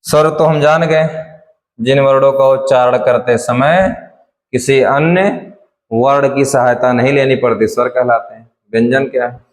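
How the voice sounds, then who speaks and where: A man's voice: medium pitch, steady tone, unhurried. A man teaching Hindi grammar in a classroom lecture, drilling definitions step by step and repeating key phrases. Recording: echoey room with long reverb.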